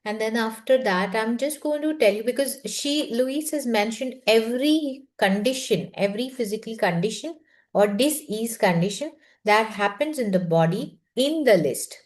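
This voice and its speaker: A woman, slowly reading a self-help book aloud and guiding a listening group through an affirmation in a soft, measured voice. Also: on the high side, lively intonation. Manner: slow, soft and measured, with quiet half-whispered phrases. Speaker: book reading session leader.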